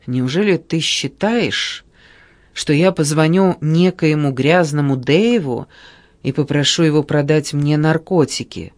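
A man reading aloud and voicing a tense, quick-tempered, ill mother in a storybook, sounding sharp and indignant. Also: on the high side, no echo.

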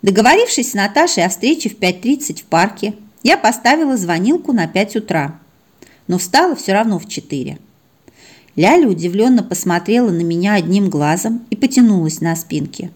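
A woman reading her own humorous story in the first person, wry and expressive. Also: medium pitch, moderate pace. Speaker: narrator.

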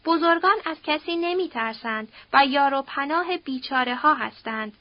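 A woman voicing an earnest young man who pleads in a measured, soft-spoken way. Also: sits high, lively intonation, no room sound. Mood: coaxing. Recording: dull dry audiobook recording.

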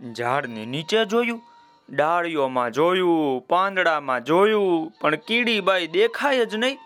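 Male storyteller for kids; fairly high voice, slow and repetitive. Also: fairly bright tone. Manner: slow, repetitive, addresses listeners directly. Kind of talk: children's story narration.

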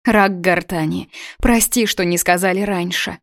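A grieving middle-aged mother pleads in a trembling voice, as a woman reading the story gives her lines. The voice is somewhat low and close, with a dry sound. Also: fairly even intonation, a little slow, no echo. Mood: pleading.

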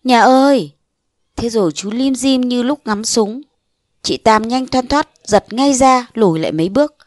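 A woman narrating a short story aloud in lively storytelling style, acting out the dialogue in changed voices. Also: a little high, normal speed, no room sound, studio quality. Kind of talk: audiobook reading of a short story.

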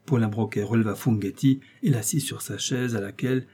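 A man narrating an adventure novel aloud in a measured, dramatic storytelling manner. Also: fairly low pitch, fairly even intonation, dark tone, slightly rough. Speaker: audiobook narrator. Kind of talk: scripted narration.

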